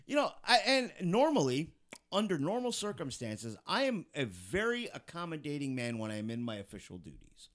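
A man's voice: on the high side, normal speed. A man from Pennsylvania hosting a podcast, telling a work story casually and with plenty of swearing. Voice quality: profane, animated storyteller. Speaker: podcast host.

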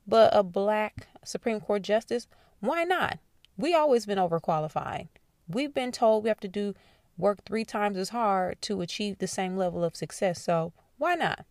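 An animated woman hosts a casual commentary podcast and talks straight to her listeners. Her voice sits fairly low and carries a gravelly edge. The recording is dry and close, with no room sound. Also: no room sound. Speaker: podcast host.

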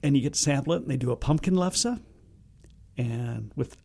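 A man's voice: medium pitch, expressive, normal speed, vocal fry, a little mellow. An American man chatting casually as co-host of a shopping deals show. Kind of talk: casual co-hosted chat.

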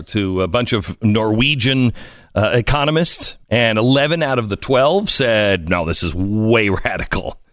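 A male talk radio host introducing and questioning a guest in a conversational way, pausing with fillers. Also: fairly low pitch, fairly bright tone, no echo, clean studio sound. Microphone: studio mic.

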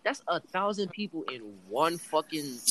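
A man's voice: fairly high pitch, expressive, normal speed, a bit bright, rough recording. A young American man hosting a casual podcast in laid-back, slangy bro talk. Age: young adult. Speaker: podcast host. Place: remote call recording during quarantine. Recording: clear background noise.

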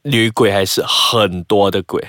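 A man's voice: lowish voice, steady tone, measured pace, a bit bright, dry recording, studio quality. A man hosting a chat, asking curious follow-up questions. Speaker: host. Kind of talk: podcast interviewing.

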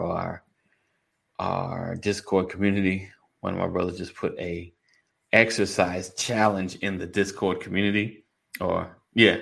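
Male host, low register with plenty of fry, casual colloquial morning radio DJ patter, jokey and chatty. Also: fairly bright tone. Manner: informal, colloquial phrasing. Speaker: host of a live online men's community show. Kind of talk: casual, bantering live-stream hosting.

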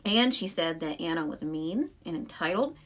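A woman's voice: deep voice, animated, moderate pace. A young woman co-hosting a podcast, telling a story in casual chat with lots of "like" fillers. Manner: chatty storyteller, frequent "like" fillers. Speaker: podcast co-host.

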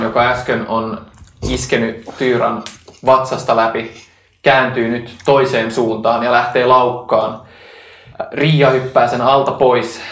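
A man at mid pitch leads a tabletop game as game master. His narration is calm and descriptive, with filler sounds between phrases. The room around his voice is echoey.

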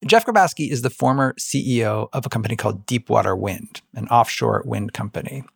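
A man co-hosting a podcast, telling the story in a relaxed conversational way with playful asides. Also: medium pitch, brisk, gravelly, slightly rough, dry recording, clean studio sound. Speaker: podcast co-host.

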